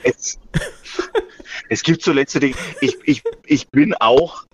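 A man with a medium-pitched voice talks slowly as a podcast co-host, calling in through a car's hands-free speakerphone while on the road. He jokes casually and often trips over repeated words. The lo-fi hands-free call carries faint noise.

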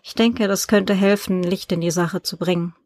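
A polite, persistent male journalist in an audiobook, read by a woman. He asks questions in a calm, businesslike way. The recording is dry and close. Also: on the low side, moderate pace, no room sound, lightly acted. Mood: explaining.

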